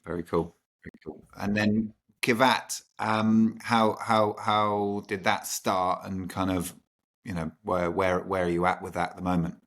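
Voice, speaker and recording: A man's voice: sits low, little pitch movement, a little slow, fairly bright tone. A man hosting a podcast, asking long, enthusiastic questions full of restarts and repeated words. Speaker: podcast host. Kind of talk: podcast interview.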